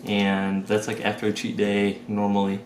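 A man's voice: on the low side, completely flat delivery, normal speed, slight background noise. A young man in his twenties vlogging casually to camera, chatty and joking with loose rambling talk. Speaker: vlogger and powerlifter.

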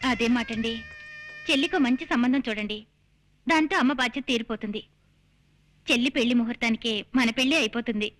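A woman's voice: fairly high pitch, fairly quick, pauses often, a bit bright, close to an everyday voice. An actress playing a devoted young woman who talks earnestly to her fiancé.

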